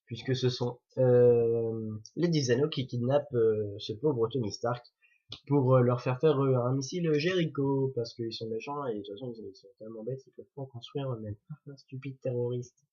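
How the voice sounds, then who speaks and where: A man's voice: medium pitch, normal speed, dark tone, slightly rough. A man reviewing a toy set in a chatty, jokey way, correcting himself as he goes. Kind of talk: casual building commentary. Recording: dull lo-fi recording.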